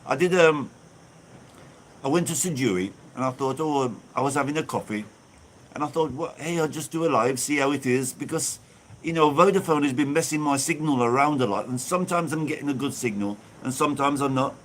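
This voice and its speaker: With a church view behind and his phone held in front of him, a vlogger from England hosts a bubbly outdoor live stream, reading out comments from viewers. He talks briskly in a mid-range voice, and there's a little hiss or hum.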